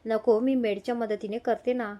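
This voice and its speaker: A woman's voice: a little high, level tone, normal speed, mellow, dull audio, natural voice. A woman voicing a determined young wife who speaks firmly and directly in a read-aloud story. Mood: eager. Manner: firm, direct. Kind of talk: audio story reading.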